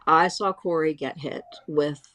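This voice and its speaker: A middle-aged woman at home giving an emotional first-hand eyewitness account, halting and restarting as she speaks. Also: deep voice, fairly even intonation, a bit bright. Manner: halting, restarts often, voice full of distress. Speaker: eyewitness interviewee. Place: at home, dog nearby.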